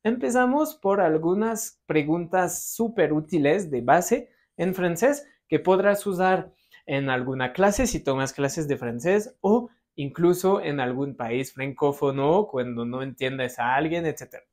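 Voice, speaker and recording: A woman teaching a language lesson at an unhurried pace. Her voice sits a little low, but it moves a lot in pitch as she drills short phrases clearly for repetition. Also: expressive, a little mellow. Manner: slow, clear drilling, switching between Spanish and French. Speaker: French teacher.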